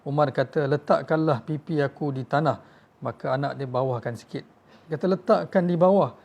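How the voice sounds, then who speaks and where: A man's voice: mid-range voice, fairly even intonation, brisk, vocal fry, highs cut off. A man with a Malaysian Malay accent preaching a sermon, telling stories with feeling and addressing his listeners directly. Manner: emotional storytelling, voices quoted figures, addresses audience as tuan-tuan.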